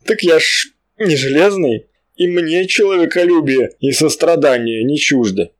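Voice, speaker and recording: A man's voice: a little high, expressive, a little slow, dry recording, pitched above the performer's own voice. Man doing a sulky old invalid lieutenant. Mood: offended. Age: older. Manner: plaintive grumbling speech.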